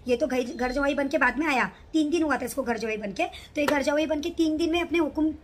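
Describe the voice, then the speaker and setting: A woman's voice: high-pitched, brisk, a little hiss or hum. A middle-aged woman vlogger telling an agitated personal story to the camera. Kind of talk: emotional personal account to camera.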